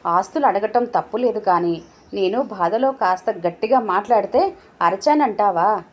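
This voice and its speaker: A woman voicing a suspicious, sharp-tongued old father who taunts his family, in a storybook reading. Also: medium pitch, lively intonation, moderate pace, dull audio, lightly acted. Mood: bitter taunting. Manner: scolding, taunting.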